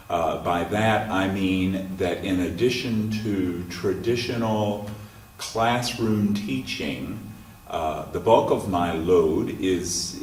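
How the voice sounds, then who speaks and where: A college music professor speaks in a low, unhurried voice, choosing his words with frequent pauses and ums. He is picked up from some distance in a roomy, echoing space. Faint ambient noise sits behind him. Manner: measured, pausing often with ums. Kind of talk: interview monologue. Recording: roomy sound from a distant mic.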